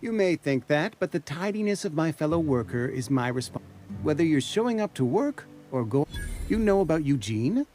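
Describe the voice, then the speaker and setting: A prim, self-important company administrator in a video game. His voice sits a little high and swings widely in pitch. The tone is bureaucratic and fussy, with faint music behind him. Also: sing-song, normal speed, darkish tone.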